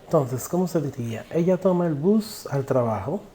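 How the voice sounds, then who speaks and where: In a recorded online lesson, a man teaches English grammar, putting questions to the viewer and then pronouncing each English example sentence slowly and carefully. His voice is on the high side, animated, and dark in tone.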